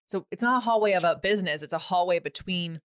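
A woman's voice: lowish voice, quick pace, clean tone. A woman hosting a podcast, chatting casually and telling stories with frequent fillers. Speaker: podcast host.

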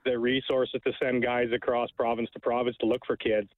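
A man's voice: medium pitch, little pitch movement, brisk, dry recording. A man calling in to a radio show over the phone, a hockey scout giving his opinion bluntly. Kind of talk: call-in radio chat. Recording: tinny phone line.

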